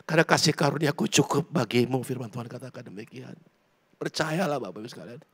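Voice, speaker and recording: A man from South Sumatra preaching a sermon to his congregation, swinging between loud pleading and hushed prayer. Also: mid-range voice, fast talker, husky. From South Sumatra, Indonesia. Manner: repeats words, addresses congregation directly. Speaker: pastor. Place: church.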